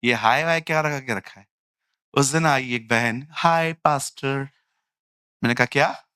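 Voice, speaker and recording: A man preaching a lively sermon, acting out people he meets and mocking them. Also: medium pitch, moderate pace, clear, resonant tone, dry recording, clean studio sound.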